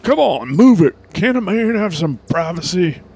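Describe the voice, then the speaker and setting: A man's voice: mid-range voice, very animated, measured pace, a little mellow, a little hiss or hum. A man playing a scruffy stammering crank. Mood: irritated. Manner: rambling, stammering, self-important. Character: scruffy, erratic, fired middle-aged man.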